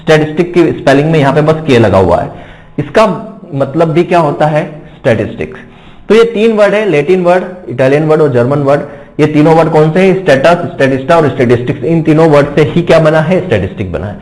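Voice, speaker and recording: Echoey, higher-voiced male lecturer. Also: lively intonation, a little mellow. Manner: explains slowly, asks and answers his own questions, repeats key words. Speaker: statistics teacher. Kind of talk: exam-prep lecture.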